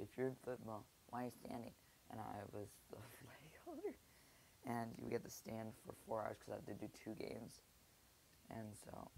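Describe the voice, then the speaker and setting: A man who is sick, speaking softly and rambling hesitantly in a casual app review vlog. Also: medium pitch, vocal fry, a little hiss or hum, low-quality recording. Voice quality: soft-spoken, subdued. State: sick, keeping voice quiet.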